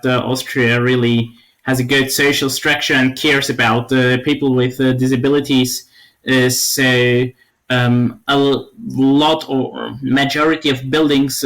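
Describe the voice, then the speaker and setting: A young man from Slovakia, a podcast guest, answering questions in a halting way with many fillers. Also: mid-range voice, fairly bright tone, low-quality recording. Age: young adult. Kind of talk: casual interview talk.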